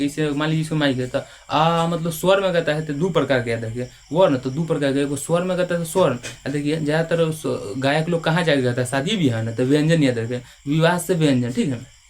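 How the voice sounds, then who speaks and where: A man's voice: on the high side, darkish tone. A male teacher giving a patient, repetitive grammar lesson, checking in with students after nearly every phrase.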